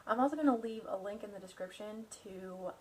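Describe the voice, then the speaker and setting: A woman hosting a video reads a novel dramatically, then breaks off for chatty asides full of fillers, theatrical when reading. Her voice is medium-pitched and dark, her delivery brisk, with a little hiss or hum in the audio.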